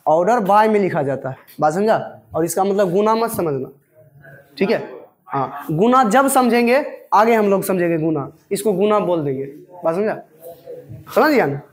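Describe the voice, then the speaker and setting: A man teaching a maths class, repeating terms word by word and often asking if the students have understood. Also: high voice. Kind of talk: slow classroom lecture.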